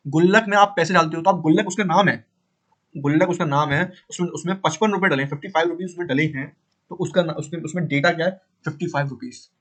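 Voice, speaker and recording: A man with a slightly high, fairly bright voice teaches a casual beginner coding lesson. He repeats his points and poses questions he then answers himself, often pausing to fix his drawing.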